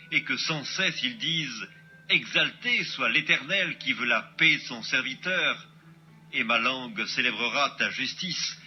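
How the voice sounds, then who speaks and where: A man recites scripture in a slow, solemn, measured voice. The clip sounds dull and lo-fi, with a faint hiss behind it. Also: medium pitch.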